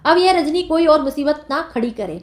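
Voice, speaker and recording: A woman's voice: high-pitched, lively intonation, normal speed. A woman reading timid worried mother. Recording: roomy echo.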